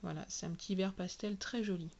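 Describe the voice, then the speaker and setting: A woman talking casually through a product unboxing, spelling out each product name slowly and clearly. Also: medium pitch, fairly even intonation, darkish tone, highs cut off. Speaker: nail product reviewer.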